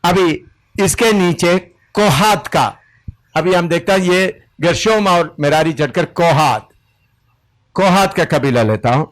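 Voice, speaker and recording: A man leads a Bible study at a deliberate, unhurried pace, stopping to write and correcting his spellings as he goes. His voice sits a little high for a man. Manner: deliberate, pauses while writing, self-correcting. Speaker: preacher teaching Bible study. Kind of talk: slow Bible teaching with verse references.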